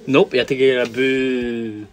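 A man's voice: medium pitch, level tone. A man giving playful Let's Play commentary, narrating the character's thoughts in jokey asides. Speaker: game commentator.

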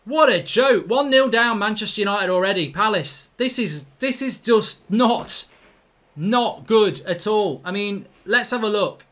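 A middle-aged man, reacting live to a football match, ranting, swearing and shouting in exasperation. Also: high voice, animated, measured pace. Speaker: football fan channel host.

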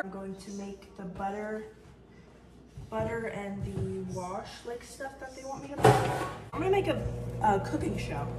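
Recorded off-mic by a phone camera across a roomy home kitchen with music in the background, a teen girl with a voice on the high side bakes and vlogs. She's chatty and rambling, often making fun of herself.

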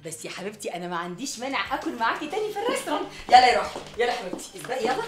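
A woman's voice: on the high side, big pitch swings, very fast, background noise. An actress playing a scheming middle-aged mother in an Egyptian Arabic sitcom, coaxing her daughter with sugary words and nervous laughs. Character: scheming, flustered mother hiding a secret marriage. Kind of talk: sitcom acting. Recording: roomy set sound.

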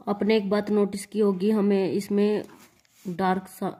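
Slow, mellow-voiced woman teaching shorthand. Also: medium pitch, little pitch movement, husky. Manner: spells out letters and repeats example words. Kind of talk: slow step-by-step lesson.

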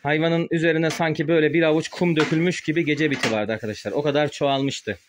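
In a small wooden chicken coop, the host of a poultry-keeping channel films a casual vlog on a handheld phone while working with a sprayer, explaining things informally. He speaks through a face mask, so he sounds slightly muffled, and his voice is on the high side, steady in tone and quick, against a noisy background.

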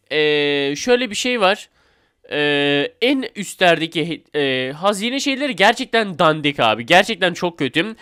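Excitable male gaming host with a stuffy runny nose, high voice, dry close sound. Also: no echo. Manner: excitable, shouts and laughs at the game, fillers like "abi" and "arkadaşlar". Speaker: gaming YouTuber. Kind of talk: casual let's-play commentary.

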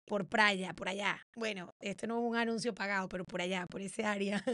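A woman's voice: mid-range voice, fairly even intonation, moderate pace, a bit bright, no room sound. A woman co-hosting a podcast, telling a story in casual chat and acting out the quoted voices with laughs. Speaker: podcast co-host.

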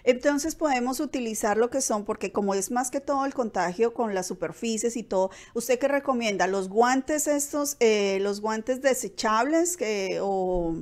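A woman's voice: a little high, moderate pace, few pauses, a little mellow. A middle-aged woman hosting a live web TV interview from a small studio, asking questions with many fillers and restarts. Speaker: host. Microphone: headphones and studio microphone.

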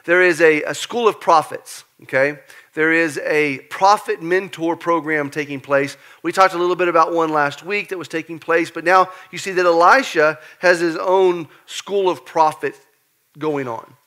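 A man preaching a lively, conversational sermon in church, animated and joking as he acts out the story. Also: a little high, moderate pace, smooth. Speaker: pastor. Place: church sanctuary.

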